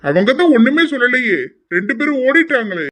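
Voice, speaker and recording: A nosy young man, as a man acts him out, calling after people and pressing for answers. His voice is high and bright, pushed up as he shouts. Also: very animated, a little fast. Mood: pestering. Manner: calling out loudly, pestering questions. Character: young man, curious and pestering. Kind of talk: amateur audio drama acting.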